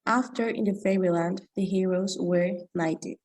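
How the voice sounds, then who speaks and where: A woman's voice: medium pitch, steady tone, moderate pace, darkish tone, low-quality recording. A nineteen-year-old woman from Argentina, a language student summarizing a story for a class presentation.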